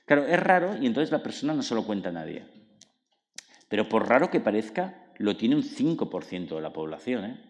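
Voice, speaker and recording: A man giving a public book talk as author and psychologist, explaining lively and acting out inner dialogues with many tag questions. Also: fairly low pitch. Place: cultural centre hall. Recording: long hall reverb.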